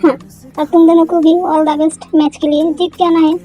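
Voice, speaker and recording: A woman's voice: very high-pitched, little pitch movement, moderate pace, warm tone, faint music behind, poor audio. A woman reading a fan-made love story aloud and voicing every character's bickering dialogue herself.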